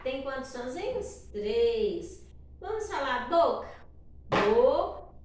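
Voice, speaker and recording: A woman's voice: on the high side, measured pace. A woman teacher with a Brazilian Portuguese accent patiently explaining a classroom activity, often ending phrases with tag questions. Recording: echoey room, distant mic, faint noise.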